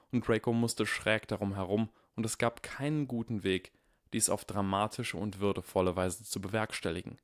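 A man giving a measured, expressive scripted narration of a story. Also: fairly low pitch, dry recording, clean studio sound. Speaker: audiobook narrator.

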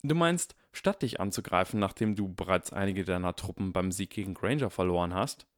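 A man's voice: sits low, animated, a little fast, no room sound, clean studio sound. A man reading aloud and voicing a clever, smug boy wizard who talks in a teasing, self-assured way.

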